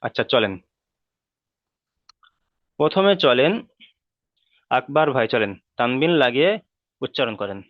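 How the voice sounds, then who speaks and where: A man's voice: mid-range voice, expressive, a little slow, long pauses, no echo, muffled recording. A man teaching an online reading lesson, patient and repetitive, often checking that students follow. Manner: patient, repeats points, checks understanding often.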